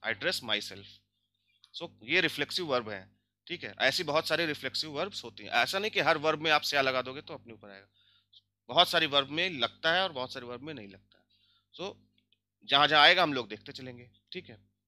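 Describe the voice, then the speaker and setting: Bright-voiced young man teaching grammar. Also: mid-range voice, lively intonation. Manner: explains step by step, often checks with "theek hai"; slow careful drilling of example words. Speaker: language teacher. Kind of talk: grammar lesson.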